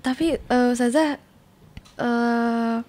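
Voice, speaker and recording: A young woman hosting a podcast, asking questions with some hesitation and quiet short replies. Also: fairly high pitch, fairly even intonation, takes it slowly. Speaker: podcast host. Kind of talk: podcast interview.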